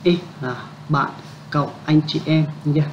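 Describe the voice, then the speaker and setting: Guy teaching words slowly, patient, keeps checking you got it, somewhat high voice, muffled lo-fi audio with a faint hiss. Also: fairly even intonation. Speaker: language teacher. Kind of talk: casual spoken language lesson. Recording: dull lo-fi with faint background noise.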